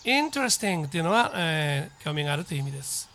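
A man's voice: fairly high pitch, very animated, gravelly, noisy background. Patient man teaching English. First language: Japanese. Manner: slow, deliberate model sentences for repeating; patient explaining, checks in with the listener. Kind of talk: spoken English lesson with repeat drills.

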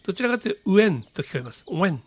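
A man teaching English pronunciation on a radio lesson, patiently repeating model phrases slowly with many fillers. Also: sits high, sing-song.

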